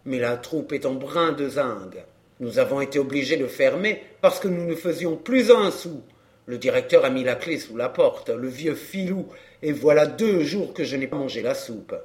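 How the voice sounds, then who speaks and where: A man's voice: mid-range voice, expressive, normal speed, close to an everyday voice. A man voicing a down-and-out middle-aged fairground clown in an audiobook, talking in coarse, grumbling slang. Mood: lamenting. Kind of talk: audiobook character reading.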